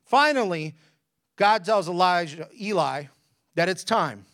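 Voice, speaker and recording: A man preaching a lively, conversational sermon, retelling a Bible story with jokey asides. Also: high voice, measured pace.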